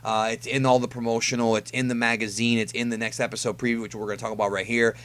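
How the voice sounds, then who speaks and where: Man, mid-pitched voice, casual fan commentator, conversational delivery, drawn-out emphasis on key words, anime preview host. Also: flat delivery, a bit bright. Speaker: YouTube host reviewing an anime episode preview.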